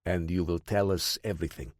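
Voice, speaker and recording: A harsh, menacing interrogator with a thick Russian accent, as a male audiobook narrator voices him. The voice is pushed higher than the reader's own and sounds dry and close. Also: lively intonation, normal speed, darkish tone, no echo. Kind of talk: audiobook character voice.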